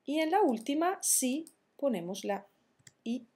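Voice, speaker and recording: A woman teaching verb conjugations in a slow, careful tutorial, spelling out each form deliberately. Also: high-pitched, big pitch swings, warm tone. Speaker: Spanish teacher.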